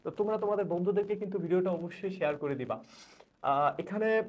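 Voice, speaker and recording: A young man from Bangladesh, an English teacher giving rapid exam advice to students, repeating instructions urgently. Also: sits high, a little mellow, dull audio. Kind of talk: exam suggestion lesson.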